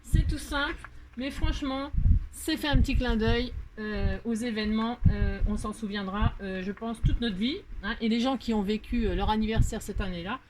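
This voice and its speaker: A woman's voice: a little high, normal speed. Chatty French woman crafting, noisy room. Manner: chatty and self-mocking, many fillers and repeated words. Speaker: crafting tutorial host. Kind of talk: casual crafting tutorial.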